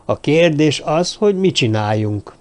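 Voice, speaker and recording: A man's voice: on the high side, lively intonation, darkish tone, lightly acted. A man voicing an eager, self-important dwarf who spreads news. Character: young dwarf man, know-it-all and gossipy.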